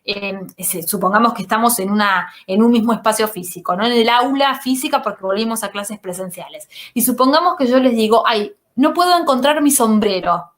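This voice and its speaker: A woman's voice: on the high side, fairly quick, few pauses. A woman teacher giving a recorded lecture, explaining step by step and often checking in with "¿sí?".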